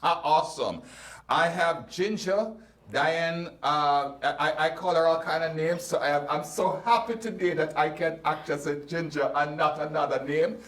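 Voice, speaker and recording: A man's voice: on the high side, fairly bright tone, far from the mic. Rambling Caribbean man hosting a panel. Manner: rambling, halting, many restarts. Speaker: host.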